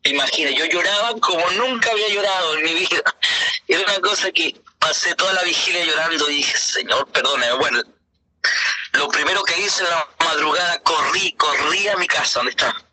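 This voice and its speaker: A middle-aged man, a pastor, telling his personal faith testimony in an earnest, halting way with many hesitations. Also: a little high, pushed and bright, low-quality recording.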